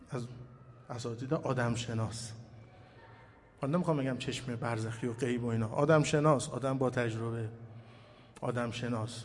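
A man, a cleric, giving a sermon full of personal memories, swelling loud and then dropping soft. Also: medium pitch. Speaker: cleric speaker. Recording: hall reverb with faint ambient noise.

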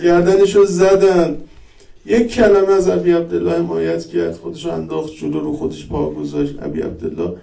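A man's voice: on the high side, animated, creaky, dark tone, reverberant, recorded from a distance, low-quality recording. A man preaching a mourning sermon, telling the story with a rising lament and chanting.

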